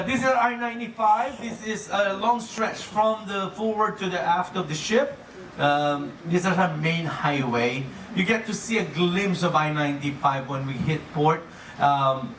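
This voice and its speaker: With a slightly high, somewhat bright voice at ordinary speed, a man entertains guests as a playful cruise director in a joking live presentation. He keeps laughing at his own jokes. The recording is distant, echoey, and noisy.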